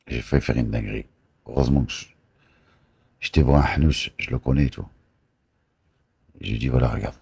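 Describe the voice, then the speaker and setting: A man telling boastful, crude stories in rough street slang, close to the mic indoors. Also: extremely low pitch, fairly quick, long pauses, warm tone. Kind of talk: casual storytelling on a live stream.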